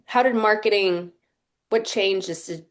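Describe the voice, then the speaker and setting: A woman's voice: medium pitch, slow pace. A woman who is a coach hosts a casual interview, talking in a friendly, loose way and rephrasing as she goes.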